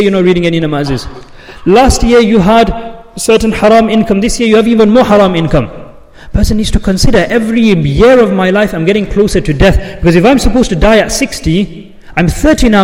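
A man giving an impassioned Eid sermon, building to forceful rhetorical questions. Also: high voice. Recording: long hall reverb.

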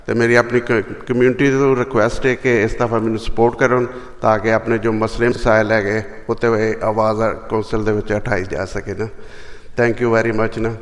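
A man's voice: fairly low pitch, level tone. A man standing in a local election, asking his community for support. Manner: plain, hurried appeal for support. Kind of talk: brief campaign announcement. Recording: long hall reverb.

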